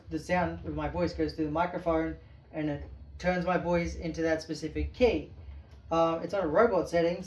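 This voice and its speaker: A man's voice: fairly high pitch, far from the mic. A man casually reviewing keytars in his small home studio, rambling and enthusiastic, with many fillers. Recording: roomy studio with keyboard music behind.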